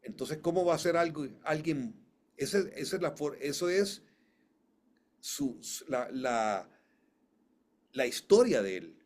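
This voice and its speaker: A man's voice: fairly high pitch, lively intonation, takes it slowly, long pauses, a little mellow. A man who works as a voice coach, talking in an interview. He speaks emphatically, repeats phrases and often restarts his sentences. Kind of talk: conversational interview storytelling.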